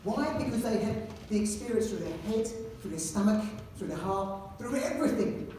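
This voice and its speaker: A man with a London accent, a headteacher giving a jokey, animated talk to an audience. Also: high-pitched, moderate pace, a little hiss or hum. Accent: London English. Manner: jokey storyteller, animated, self-mocking. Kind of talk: anecdotal presentation to an audience. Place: large hall with audience. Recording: echoey hall, speaker far from mic.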